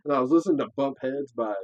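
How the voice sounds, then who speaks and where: A man's voice: mid-range voice, fast, dry recording, rough recording. A young man hosting a casual podcast, telling stories with lots of swearing, acted-out quotes and laughter. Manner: animated storyteller, acts out quotes, swears, laughs often. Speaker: podcast host. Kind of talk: casual chat.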